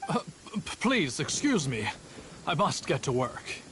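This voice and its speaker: A man's voice: a little high, big pitch swings, unhurried, a bit bright, slight background noise. An actor playing a nervous, deferential winery servant in a game cutscene, stammering as he speaks.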